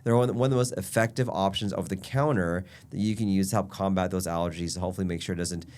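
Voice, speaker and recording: A physician guest with an allergy-stuffed, nasal voice explains health tips in an upbeat, casual chat, laying out his points as a list. His voice sits low with a darkish tone, and he talks fast and steadily.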